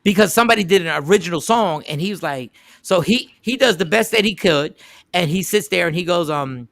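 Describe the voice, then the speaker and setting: A man hosting a radio show retells a story in an animated, casual way, pausing to repeat the key lines. His voice sits high and is bright and a little gravelly, with a slightly fast pace. The sound is dry and close to the mic, with no room sound.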